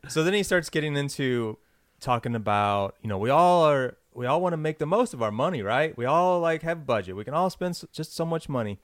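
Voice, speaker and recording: A man's voice: fairly high pitch, lively intonation, fairly quick, no echo, studio quality. Man rambling through a story, lots of "like". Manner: rambling, filler-heavy storytelling. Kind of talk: casual storytelling chat.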